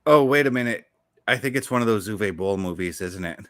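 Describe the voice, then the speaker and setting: A man hosts a relaxed gaming podcast in a low voice with a bright, forward edge, speaking briskly. Eager and enthusiastic, he rambles and doubles back mid-sentence. The sound is close and dry with no echo.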